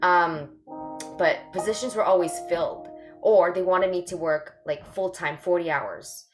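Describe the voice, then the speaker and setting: A Canadian woman welcomes a group to an online sharing circle over video call, upbeat and casually encouraging. Her voice is on the low side and measured in pace, with music in the background.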